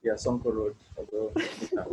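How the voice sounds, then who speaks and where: A Kenyan man speaks in a soft, reflective way. His voice comes over muffled, slightly lo-fi call audio with a faint hiss behind it. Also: on the low side. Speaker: panel guest, worship leader and writer. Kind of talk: casual panel chat. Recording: dull, slightly noisy online call audio.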